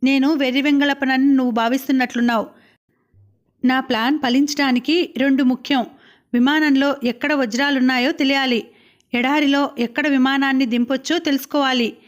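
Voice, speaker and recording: Woman reading pushy young schemer, diamond heist planner, audiobook, high voice. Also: fairly even intonation, moderate pace, natural voice. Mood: scheming. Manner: pushy and persuasive.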